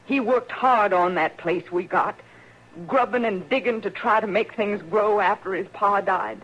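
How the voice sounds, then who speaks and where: Her voice sits in the middle range, fairly bright and lightly acted, and she takes her time. She's voicing a grieving, bitter frontier mother for an old radio western, pleading in anguish with a rural Western American accent, folksy, plain-spoken, and refusing to give ground. The recording is muffled and full of hiss.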